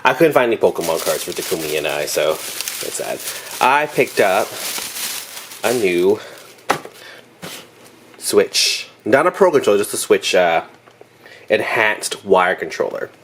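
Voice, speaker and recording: A man's voice: lowish voice, big pitch swings, a little slow, pauses often, background noise. A young man chatting casually in a rambling vlog, laughing often and correcting himself, sounding congested from allergies. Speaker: vlogger.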